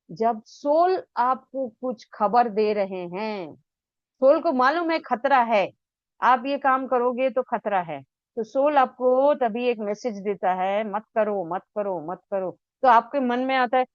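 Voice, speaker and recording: Woman teaching spiritual healing, unhurried, fairly high voice, dry and slightly muffled sound, repeats words for emphasis. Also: animated, dry recording. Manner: mixes English phrases into Hindi, repeats words for emphasis. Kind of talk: unscripted teaching talk.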